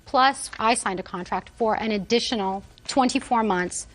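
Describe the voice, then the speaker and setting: Measured woman giving formal testimony. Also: on the high side. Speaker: plaintiff in TV court.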